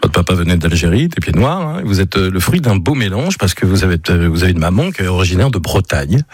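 Male radio host, husky and low, leads the conversation with steady questions. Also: fast, no room sound, studio quality. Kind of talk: radio interview.

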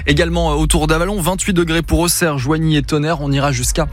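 A man giving the local weather on radio in a lively, chatty way. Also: fairly high pitch, quick pace, faint music behind. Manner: lively, chatty, self-correcting. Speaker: weather presenter.

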